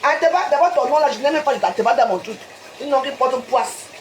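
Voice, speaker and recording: A woman with a Cameroonian French accent scolds her live-stream viewers in a high, insistent voice. She lectures with rhetorical questions and a pushy "hein?" at the end of her lines. The sound is roomy and echoey, with a faint hiss of noise behind her. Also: a little fast.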